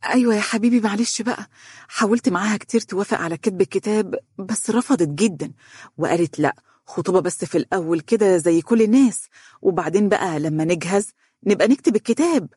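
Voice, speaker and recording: A man voicing a cheerful young bride-to-be with an Egyptian accent, in a raised, lively voice. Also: medium pitch, fast, slightly rough, no echo, clean studio sound, pitched above the performer's own voice, lightly acted. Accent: Egyptian Arabic.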